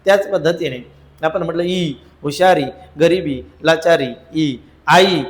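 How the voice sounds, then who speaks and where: A man's voice: fairly high pitch, a little slow, reverberant, rough recording. A male teacher giving an exam-prep grammar lesson, drilling answers and repeating lists in a chant-like way.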